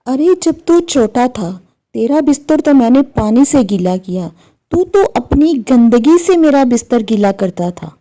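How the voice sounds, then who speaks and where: A woman playing an elderly patient mother. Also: on the high side. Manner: soft and patient, turning to firm lecturing. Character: patient older mother, calm then scolding.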